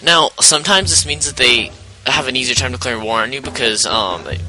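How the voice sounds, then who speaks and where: This gameplay commentator has a mid-range voice with a bright, forceful tone and talks a little fast. In casual let's play style, he rambles, explains mechanics as he goes, and often interrupts himself, all on a rough recording with game music playing.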